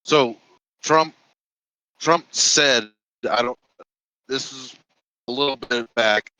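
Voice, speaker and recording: Casual guest, man, bright forceful voice, broken glitchy call audio, cursing and trailing off. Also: medium pitch, takes it slowly, no room sound, low-quality recording. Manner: casual, profane, trails off mid-sentence. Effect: garbled, glitchy internet call audio. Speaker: guest on a stream. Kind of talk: casual chat over a call. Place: outdoors, climbing a mountain.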